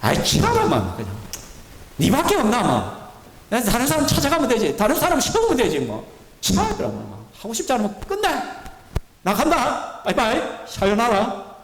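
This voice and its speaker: A man's voice: very high-pitched, wildly swooping pitch, moderate pace, heavily acted. A man voicing an exasperated male God who brushes people off with short, brusque retorts. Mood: dismissive. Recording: reverberant church hall.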